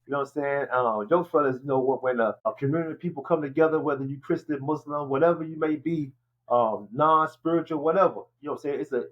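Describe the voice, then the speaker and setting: A man sharing his experience as a guest in casual talk, halting and often checking that he is understood. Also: medium pitch, muffled recording. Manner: halting, peppered with 'you know what I mean' check-ins. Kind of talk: casual conversational testimony.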